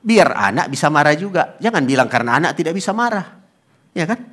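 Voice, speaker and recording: A male pastor preaching at an Easter service, telling animated family stories and often asking the congregation to agree. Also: fairly high pitch, fairly quick. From eastern Indonesia. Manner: animated storytelling with acted quotes; asks congregation "ya kan?". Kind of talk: sermon.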